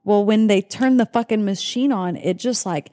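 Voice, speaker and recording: A woman's voice: medium pitch, moderate pace, dark tone. A woman hosting a podcast in casual chat, talking candidly with plenty of swearing. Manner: candid, profane, chatty. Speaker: podcast host.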